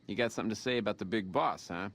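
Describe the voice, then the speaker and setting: A man's voice: lowish voice, racing, fairly bright tone. An actor playing a tough casino henchman who talks in old-timey jive slang. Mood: gruff. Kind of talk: video game voice acting.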